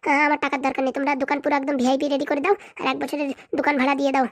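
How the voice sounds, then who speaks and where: A woman's voice: sits high, monotone, very fast, natural voice. A woman voicing a bold, jilted young wife in a cartoon comedy who complains insistently and demands money. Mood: aggrieved.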